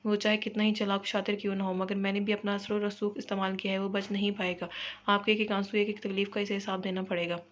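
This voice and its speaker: A woman reading the part of a stern, protective middle-aged father in a flat, hurried way, on a dull lo-fi recording. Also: mid-range voice, close to an everyday voice.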